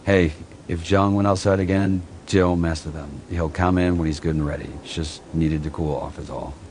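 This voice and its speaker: A man's voice: low-pitched, steady tone, normal speed, a little mellow, slight background noise, lightly acted. A man voicing a laid-back male buddy who loves guns, talking in a casual, offhand, profane way.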